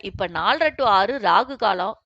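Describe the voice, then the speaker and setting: A woman voicing a sarcastic, stubborn young man, an office boss, who speaks lower and drawls his mocking replies. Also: expressive, slow pace, a bit bright, no echo, heavily acted. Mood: teasing. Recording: dull, dry, lo-fi sound.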